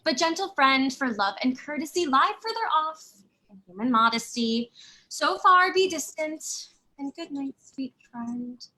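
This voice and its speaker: A woman playing a modest, spirited young woman in love, speaking Shakespeare's verse with lively expression. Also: high-pitched, measured pace, heavily acted. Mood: tender. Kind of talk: Shakespeare reading.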